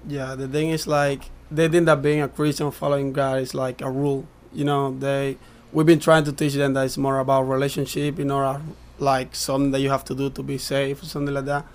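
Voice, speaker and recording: A man's voice: mid-range voice, level tone, brisk, hardly any pauses. A man being interviewed, earnestly explaining his point in a conversational way, with many likes and you-knows. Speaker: interview guest, young people's ministry leader.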